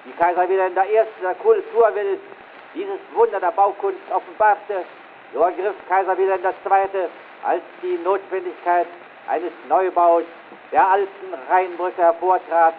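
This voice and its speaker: Blechern verrauschte historische Festrede eines Mannes. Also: male voice, high-pitched. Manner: solemn, declamatory, grandiloquent. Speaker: government official giving a dedication speech. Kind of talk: formal ceremonial oratory, early 1900s. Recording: scratchy, tinny early 1900s phonograph recording.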